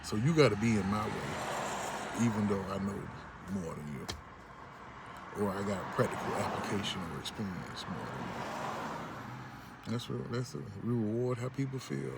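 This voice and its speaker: A man's voice: lowish voice, lively intonation, moderate pace, vocal fry, pauses often. A man vlogging in a blunt, profane rant, often acting out what other people say. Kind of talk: ranting monologue. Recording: vehicle noise in background.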